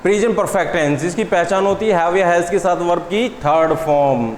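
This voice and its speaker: A man teaches an exam-prep class. His voice sits high, and he answers his own rhetorical questions. The classroom recording echoes with a long tail, and a faint hiss sits underneath. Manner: asks students questions and answers them himself; stresses English words slowly and deliberately. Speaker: English teacher. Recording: echoey room with long reverb and faint noise.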